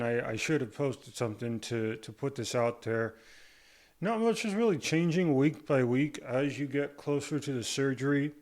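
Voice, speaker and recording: Speaking at a medium pitch, a man offers a casual update to camera while struggling to talk. Rubber bands restrict his jaw following surgery, and saliva collects in his mouth.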